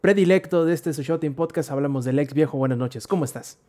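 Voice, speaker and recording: A man hosts a podcast and brings on his co-hosts with playful introductions. His voice sits a little high. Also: a little fast, mellow. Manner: playful presenter. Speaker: podcast host. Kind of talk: show introductions.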